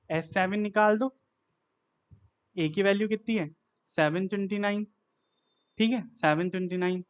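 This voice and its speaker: A man's voice: sits high, clear, resonant tone, muffled recording. A man teaching a maths lesson, working through sums aloud step by step and asking himself each next step.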